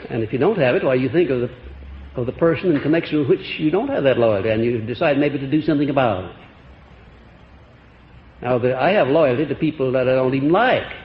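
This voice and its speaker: A man giving a folksy motivational seminar lecture on an old archival recording, chuckling and quizzing his audience. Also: mid-range voice. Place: lecture hall before a live audience. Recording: echoey, dull old lecture-hall tape with faint hiss.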